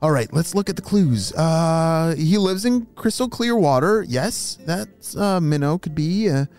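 A woman's voice: deep voice, expressive, a little slow, darkish tone, faint music behind. A woman hosting a children's story show in an encouraging, exaggerated, sing-song kindergarten teacher voice, speaking straight to young listeners. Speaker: children's story podcast host.

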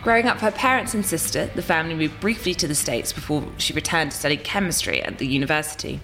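A woman's voice: low-pitched, fast talker, fairly bright tone, faint music behind. A woman hosting a podcast, who reads a scripted introduction of her guest and then asks questions conversationally. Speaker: podcast host.

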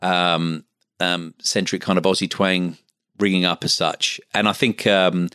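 A man's voice: sits low, little pitch movement, measured pace, sharp tone, smooth, no echo, clean studio sound. A middle-aged man from Essex with an Essex accent, talking casually as an interview guest in a chatty, stop-start way. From Essex, England. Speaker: interview guest, medical finance business owner.

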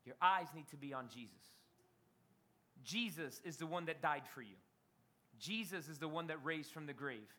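A man's voice: on the high side, expressive, normal speed, bright, forceful tone. A middle-aged man, a pastor, preaching a sermon with dramatic storytelling and rising emphasis.

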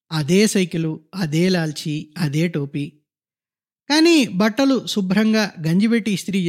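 A man with a notably high voice narrates a literary short story. He reads in a measured, descriptive way and lets each scene unfold steadily. The tone is that of a scripted storytelling reading.

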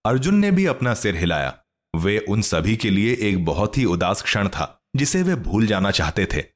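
Low-voiced, lively male storyteller. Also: moderate pace. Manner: expressive, scripted. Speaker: narrator. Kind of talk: storybook narration.

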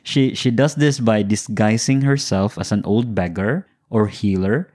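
A man's voice: lowish voice, a little slow, darkish tone. A man with a Filipino accent co-hosting a casual podcast about folklore in a playful, musing way. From Philippines. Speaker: podcast co-host.

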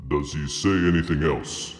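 A man voicing a grand, stern male desert Jinn in a storybook, speaking slowly and weightily in an admonishing way. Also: very deep voice, voice pushed down. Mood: amused. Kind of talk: storybook character voice. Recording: roomy echo with long reverb.

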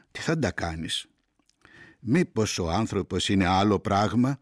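A man with a low voice reads poetry aloud, slow and grave, letting each short phrase settle before the next. The sound is dry and close, with no room around it. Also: no room sound. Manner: slow, grave, deliberate phrasing with long pauses. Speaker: poetry reader. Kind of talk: measured poetry reading.

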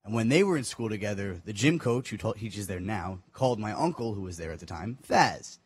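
A man's voice: on the low side, expressive, fairly quick, slightly rough, no room sound. Easygoing young man. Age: 20s. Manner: easygoing storyteller, explains at length. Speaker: co-host. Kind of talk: casual podcast chat.

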